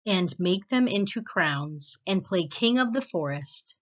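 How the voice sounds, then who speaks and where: With a lowish voice, a female read-aloud host narrates a children's storybook expressively and with care. The audio comes through a bit muffled.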